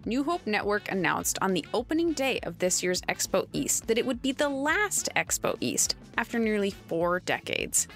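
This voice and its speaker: A woman's voice: mid-range voice, big pitch swings, normal speed, a bit bright, faint music behind. A woman hosting a podcast, reading an upbeat scripted intro and then chatting with guests. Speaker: podcast host.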